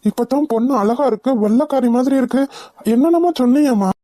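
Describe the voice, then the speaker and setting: A woman's voice: high-pitched, fast, mellow, no echo. A woman voicing a devoted young man in love in a cartoon, speaking in an earnest, pleading way. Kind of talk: cartoon voice acting.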